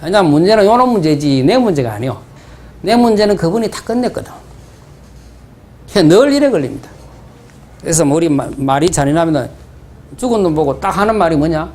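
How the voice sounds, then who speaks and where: A man's voice: fairly high pitch, very animated, brisk, pauses often, darkish tone. A man with a Gyeongsang Korean accent, preaching a sermon as pastor, asking the congregation rhetorical questions and telling stories in dialect. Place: church sanctuary.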